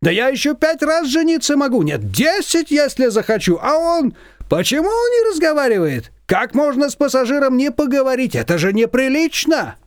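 A man's voice: very high-pitched, big pitch swings, normal speed, no room sound, clean studio sound, voice pushed up. A man voicing a talkative, boastful old taxi driver who rambles indignantly. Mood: chatty.

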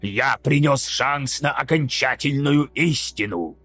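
Мужчина озвучивает древнего двуглавого демона-стервятника: хриплый, медленный, зловеще торжественный, аудиокнига. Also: male voice, mid-range voice, sharp tone, no room sound, heavily acted. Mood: grave, ominous. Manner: slow, grave, hissing pronouncements. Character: ancient hunched two-headed vulture demon, solemn.

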